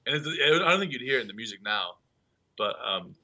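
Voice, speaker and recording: A man's voice: medium pitch, expressive, a little fast, pushed and bright. A young English man, a band member, chatting casually and rambling with frequent laughs. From England. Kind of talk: casual chat.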